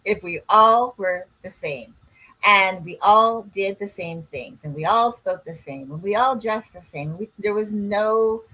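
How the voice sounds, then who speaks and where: A woman's voice: mid-range voice, measured pace, bright, forceful tone, poor audio. A woman, a coach co-hosting a podcast in casual chat, rambling and drifting off on tangents. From Canada. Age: 60s.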